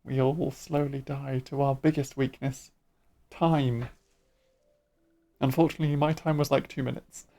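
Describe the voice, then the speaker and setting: Guy streaming a game, joking around dry and wry, kinda gravelly dark voice. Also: medium pitch, unhurried, long pauses. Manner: wry, joking, deadpan asides. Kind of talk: casual game commentary.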